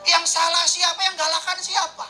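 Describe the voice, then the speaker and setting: A man preaching a sermon as pastor, in a casual, emphatic way that swings between loud and hushed. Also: extremely high pitch, flat delivery, moderate pace, soft background music, low-quality recording.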